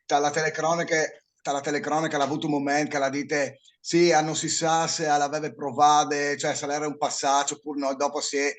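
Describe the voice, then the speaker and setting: A man's voice: a little high, little pitch movement, brisk, hardly any pauses. A man with a Friulian accent hosting a casual football chat in an informal, rambling way. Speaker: podcast host.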